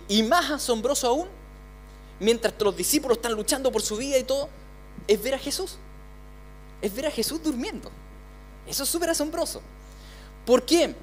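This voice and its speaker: A man's voice: very high-pitched, slight background noise. A man with a Chilean accent preaching a sermon as pastor, speaking conversationally with many repeated words. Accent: Chilean Spanish. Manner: conversational, repeats words, voices the disciples' pleas. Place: church.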